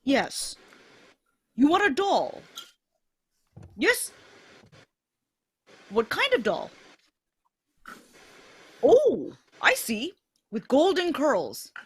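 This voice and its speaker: A woman's voice: high-pitched, wildly swooping pitch, extremely slow, long pauses, no echo, exaggerated voice. A woman playing a jolly old male Santa Claus taking phone orders, cheerful and chuckling in a live radio-play reading.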